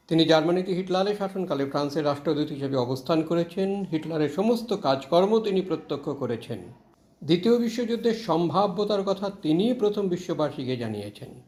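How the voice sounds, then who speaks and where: A man's voice: on the high side, darkish tone, echoey room. A man teaching a literature class, reading a passage aloud and then explaining it line by line with frequent fillers. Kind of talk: line-by-line text explanation lesson.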